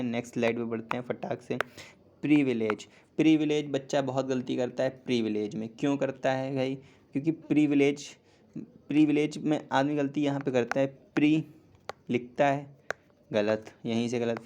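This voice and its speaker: A man in his twenties teaching an online English spelling lesson in a casual classroom way. He explains slowly, repeats each word several times and asks and answers his own questions. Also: mid-range voice, darkish tone, a little hiss or hum.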